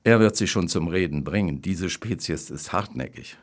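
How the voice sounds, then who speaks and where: A man voicing a knowing, smooth-talking male pet shop clerk in a read-aloud story. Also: sits low, moderate pace.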